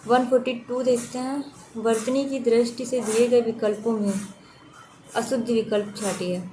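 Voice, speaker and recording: Coaching teacher, woman, raised pitch, repetitive explain-and-confirm delivery, noisy recording. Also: moderate pace. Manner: steady, repetitive drilling of correct spellings. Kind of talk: online exam-prep lesson.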